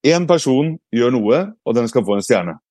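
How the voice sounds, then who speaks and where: A man's voice: mid-range voice, lively intonation, a little mellow, no echo, studio quality. A man giving a casual explanatory talk, reflective, with frequent hesitations and restarts. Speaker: speaker.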